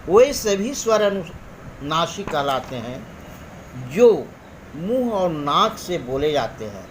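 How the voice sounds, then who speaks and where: Slow, lively-voiced male grammar teacher. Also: on the high side, slight background noise. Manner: slow, deliberate explanation with drawn-out example sounds. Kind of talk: classroom lesson.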